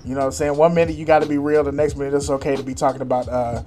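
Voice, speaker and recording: A man co-hosting a casual podcast chat, animated and profane, laughing often. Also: medium pitch, racing, soft background music. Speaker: podcast co-host.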